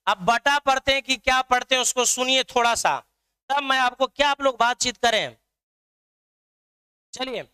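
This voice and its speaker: Online math teacher, male, very high pitch, clear voice, quizzes viewers over and over. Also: sharp tone. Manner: drills students with repeated questions.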